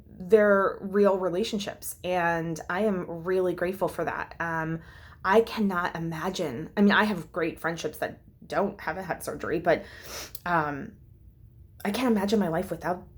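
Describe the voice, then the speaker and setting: A woman's voice: on the low side, measured pace. A woman vlogging a heartfelt, rambling personal update, full of fillers and restarts and close to tears at times. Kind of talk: casual vlog update.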